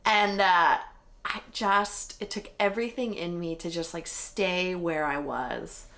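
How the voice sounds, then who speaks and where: A woman's voice: lowish voice, slow, a bit bright. A young woman vlogger telling her own marathon story in a candid, chatty way, full of fillers and mild swearing. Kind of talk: casual chat.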